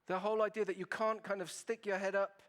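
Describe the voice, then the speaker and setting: Speaker with an Italian accent, higher male voice, playful and teasing with the crowd, keynote delivery. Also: flat delivery, fast talker, a bit bright. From Italy. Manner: playful, asks the audience questions. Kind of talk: humorous presentation to an audience.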